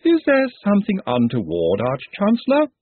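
A man voicing a reedy, excitable male music professor who talks in lofty, flowery phrases. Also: high-pitched, normal speed, no room sound, voice pushed up, heavily acted. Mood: haughty. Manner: lofty and flowery, vibrating with eagerness. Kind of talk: audiobook character voice. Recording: tinny lo-fi dry recording.

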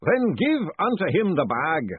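A man voicing a solemn male master of a secret rite who booms slow ceremonial commands. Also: very animated, breathy edge, no room sound, phone-quality sound, full character voice.

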